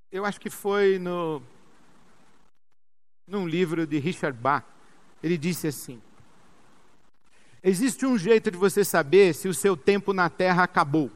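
A man with a Brazilian Portuguese accent preaching a sermon, emphatic and repetitive, with rhetorical questions. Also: high-pitched.

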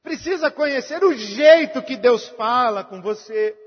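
A man preaching a sermon, earnest, moving between emphatic lines and hushed, intimate ones. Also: extremely high pitch, expressive, unhurried, breathy edge. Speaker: pastor. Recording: reverberant hall, dull lo-fi sound.

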